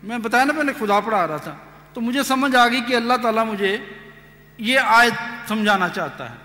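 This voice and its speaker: A man with a high, bright, ringing voice gives an earnest personal testimony, acting out the dialogue as he retells each scene. His voice carries a long reverb, as if he is speaking in a large hall. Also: expressive. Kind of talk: storytelling testimony.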